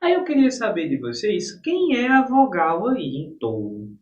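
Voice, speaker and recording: A man's voice: high voice, wildly swooping pitch, a little slow, a little mellow. A man teaching a live online exam-prep class in a folksy, chatty way. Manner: folksy, talks to students as "gente" and "rapaz". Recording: echoey room, distant dull mic.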